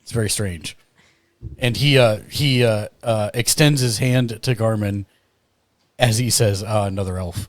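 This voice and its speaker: A man's voice: fairly low pitch, a little slow, dry recording. A man playing a tabletop game, mixing casual banter with narration of his character's actions.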